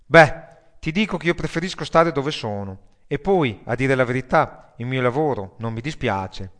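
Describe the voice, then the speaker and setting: A man voicing a crude, joking male newsagent who loves rock, talking in loud banter. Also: medium pitch, expressive, normal speed, natural voice.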